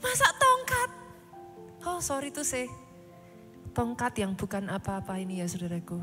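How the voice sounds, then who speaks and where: A woman's voice: medium pitch, expressive, moderate pace. A woman pastor preaching a sermon with passion, often slipping into English phrases and acting out the doubts of her listeners. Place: large church auditorium. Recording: large echoing church hall with music.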